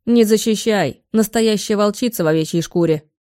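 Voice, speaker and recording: A woman reading the part of a domineering middle-aged father who scolds and shouts at his grown son. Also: mid-range voice, moderate pace, dry recording, clean studio sound, lightly acted. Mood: scornful.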